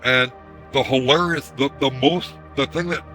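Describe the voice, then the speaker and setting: A hoarse man ranting casually on a live stream through a headset mic, his voice run through a voice changer, irritated and swearing as he repeats himself. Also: mid-range voice, moderate pace, sharp tone, soft background music. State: hoarse from screaming. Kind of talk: ranting livestream commentary.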